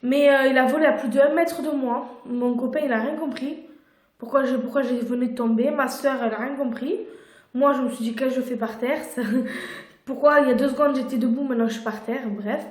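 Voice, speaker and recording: A woman's voice: high-pitched, fairly even intonation, a little fast. Chatty young woman in an echoey room. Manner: chatty, many fillers and restarts. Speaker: vlogger. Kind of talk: casual storytime vlog. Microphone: phone camera.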